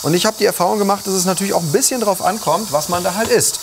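A man's voice: sits high, very fast, background noise. A man in his thirties hosting a casual cooking chat in a studio kitchen, slangy and talkative. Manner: chatty, slangy, talks over others. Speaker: cooking show host.

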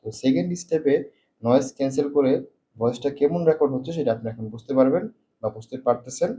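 A man's voice: medium pitch, dark tone. A man demonstrating a product indoors, explaining step by step while his voice passes through noise-cancelling processing that leaves noise reduction artifacts. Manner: explains step by step with fast, repetitive phrasing. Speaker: tech reviewer. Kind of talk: product demo.

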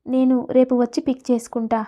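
A wealthy older man, kind but blunt, read by a woman in her high, flat voice. The storybook audio sounds dull and lo-fi. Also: brisk, close to an everyday voice. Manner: direct, warm-hearted.

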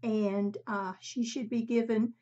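An older woman with a husky, breathy voice, giving a casual, halting craft demonstration at home in her craft room. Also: on the high side, flat delivery, mellow. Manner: halting, unhurried, conversational. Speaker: craft tutorial host. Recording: slightly dull, muffled sound.

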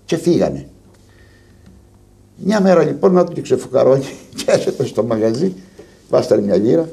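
A man with a Cretan accent tells stories in an interview, his voice swooping up and down as he acts out what people said. His tone is mellow and dark, with a gravelly rasp underneath. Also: medium pitch. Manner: animated storyteller, acts out dialogue. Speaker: lyra musician, interviewee. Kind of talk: storytelling in an archive TV interview.

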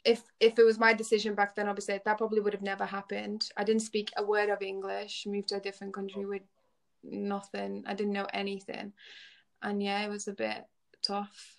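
Lithuanian-born girl in her 20s, bit of a scouse twang, pretty flat even voice, says like a lot. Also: medium pitch, brisk, vocal fry. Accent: Lithuanian with a semi-Scouse twang. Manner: chatty, laughs often, peppered with "like". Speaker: guest. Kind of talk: casual chat.

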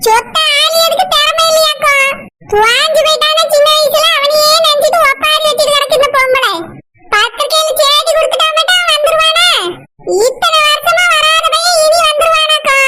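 A woman's voice: very high voice, fairly even intonation, normal speed, bright, forceful tone, no echo. A woman voicing a jealous, scheming village relative who mutters scornfully, with a Kanyakumari Tamil accent.

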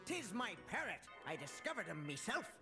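A man's voice: high-pitched, sing-song, normal speed. An actor playing a teenage boy possessed by a pirate captain, growling pirate talk full of arr and ye. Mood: menacing. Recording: cartoon soundtrack with loud music.

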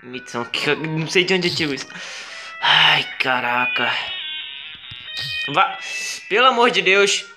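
A man with a Brazilian accent doing gameplay commentary, exclaiming, swearing and pleading at the game, with sudden high yelps. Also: expressive, measured pace, pauses often, over music. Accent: Brazilian Portuguese. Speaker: gaming video creator.

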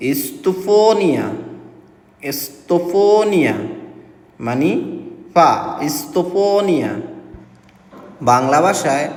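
A man teaching a vocabulary lesson, repeating each word slowly and deliberately. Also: a little high. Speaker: language teacher. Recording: echoey room with long reverb.

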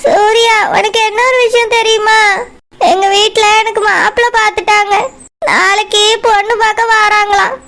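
A woman doing a tearful, very high young village girl. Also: level tone, normal speed, sharp tone, full character voice. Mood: distressed. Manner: tearful, pleading. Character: young village woman in love, a student, fearful of strict parents. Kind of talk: cartoon voice acting.

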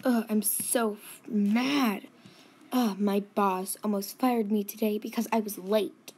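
A woman's voice: mid-range voice, steady tone, slow pace, a little mellow, close to an everyday voice. A woman playing a tired, grumpy mother of two girls in a home-made skit, sighing and apologetic.

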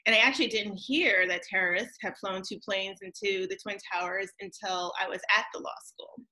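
A woman in her forties, a professor telling a story in a conversational, deliberate speech over a video call. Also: mid-range voice, steady tone, bright, forceful tone, rough recording. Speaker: law school professor giving closing remarks. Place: indoors on a group video call.

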